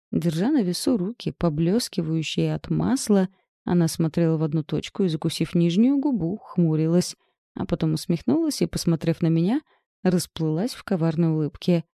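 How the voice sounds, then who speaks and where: A woman reads a first-person story aloud in a lively, expressive way. Her voice is dark and warm, and the recording is dry and close. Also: lowish voice, no room sound. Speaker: audiobook reader. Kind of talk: first-person scripted narration.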